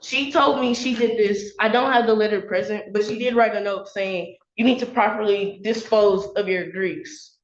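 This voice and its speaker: A woman's voice: medium pitch, normal speed, hardly any pauses. A young woman, a college student, defending herself in court, upset and defensive, with many "like" fillers. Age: young adult. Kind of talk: emotional courtroom testimony. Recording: echoey, dull courtroom audio.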